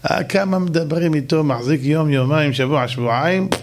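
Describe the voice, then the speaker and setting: A rabbi delivers a sermon as lively spoken storytelling, with a dramatic, colloquial delivery. His voice sits a little high for a man. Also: a little hiss or hum. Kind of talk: sermon with acted stories.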